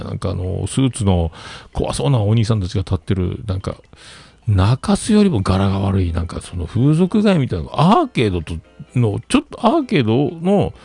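A man's voice: fairly low pitch, gravelly, dark tone, breathy edge, no echo. A man telling a rambling story in casual chat, with many fillers and asides.

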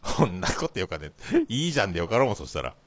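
A man in his late forties from Fukuoka with a Hakata dialect accent, teasing an old friend in rough, casual banter over a video call. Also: deep voice, big pitch swings, racing, crowd noise. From Fukuoka, Japan. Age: late 40s. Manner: teasing, rough-mouthed, trailing off into mutters. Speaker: co-host.

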